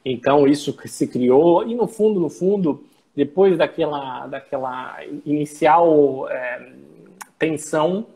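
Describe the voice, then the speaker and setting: A Brazilian man with a somewhat husky voice walks through legal details in an easy conversational way. He speaks a little higher than most men and often stops on fillers to search for the right word. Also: slow, dark tone. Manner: explanatory, hesitant with frequent fillers.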